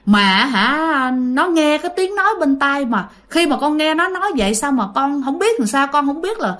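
A woman's voice: high voice, big pitch swings, moderate pace, a bit bright. A woman voicing a worried, distraught mother in a spoken ghost story.

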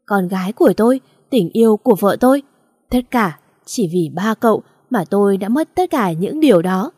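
A woman voicing a grieving, vengeful middle-aged father who speaks in loud, accusing outbursts. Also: mid-range voice, moderate pace, no echo, studio quality, natural voice. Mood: bitter, accusing.

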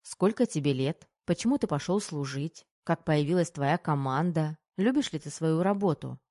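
A spirited young woman, playful and lightly mocking, voiced by a woman reading an audiobook. Her voice sits fairly low and dark. The sound is dry and close. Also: expressive, normal speed, no room sound. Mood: curious.

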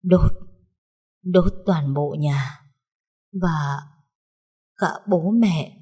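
A woman voicing a dying older mother who speaks her last words in a faint, halting whisper. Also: low voice, warm tone, husky, heavily acted. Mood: fading. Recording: long reverb.

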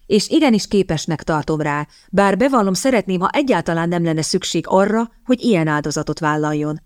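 A woman reading the part of a sardonic young gentleman who speaks in a measured, wry way. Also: on the low side, animated, no echo, studio quality, natural voice.

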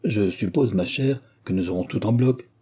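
A man's voice: on the low side, normal speed, warm tone, slightly rough. A man voicing a mild, easygoing middle-aged innkeeper in an audiobook reading. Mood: placating.

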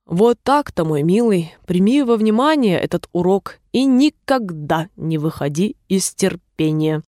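A woman voicing an old male crab who lectures a young one in a low, preachy tone. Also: animated, measured pace, mellow, no echo, studio quality.

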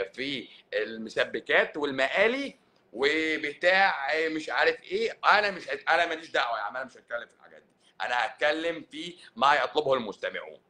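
A middle-aged man with an Egyptian Arabic accent, a doctor talking in a casual, sarcastic live-stream monologue. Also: mid-range voice. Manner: sarcastic, mocking, animated.

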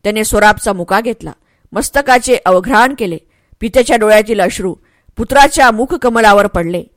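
A woman narrating an audiobook story in a dramatic, expressive way. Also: mid-range voice, a little fast, dry recording.

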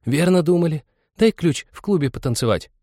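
A young village girl wheedles and begs in a high voice, as a male narrator puts her on. The reading stays dry and close to the mic. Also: expressive, a little fast, warm tone, dry recording. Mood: pleading. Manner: pleading, wheedling.

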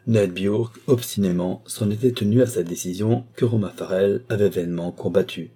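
Male audiobook narrator, steady measured reading, very dark tone, husky. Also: on the low side.

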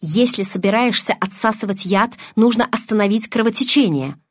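Audiobook: woman voicing a steady middle-aged doctor, quiet and in control. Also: medium pitch, moderate pace, dry recording, studio quality, lightly acted. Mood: calm. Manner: calm, level, commanding. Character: calm composed middle-aged male doctor. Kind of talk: audiobook reading.

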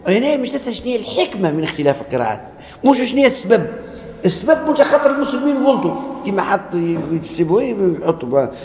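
A man with a Tunisian Arabic accent giving a classroom lecture on scripture. He talks in an animated way, acts out quoted dialogue and asks the class questions. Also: sits high, a little hiss or hum. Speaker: lecturer on Quranic sciences. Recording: echoey lecture hall, dull lo-fi sound.

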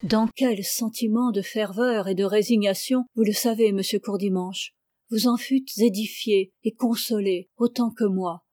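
A woman reading the lines of a pious, austere noble mother who speaks in a solemn, measured, devout way. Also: mid-range voice, fairly even intonation, warm tone, no room sound, studio quality, lightly acted.

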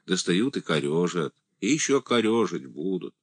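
A man voicing a grumbling, superstitious old village woman healer with a hoarse, low voice and folksy dialect words. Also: very animated, moderate pace, exaggerated voice.

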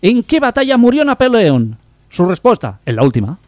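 Young man, high and very animated voice, radio joke teller, music faintly behind. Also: normal speed, a little hiss or hum. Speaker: radio show co-host. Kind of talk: telling jokes and funny news on radio.

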